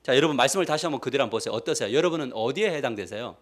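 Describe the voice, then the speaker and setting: A man's voice: medium pitch, rapid-fire, a little hiss or hum. A male pastor giving a sermon, asking his congregation questions as he goes. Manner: animated preaching, asks the congregation questions. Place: church sanctuary.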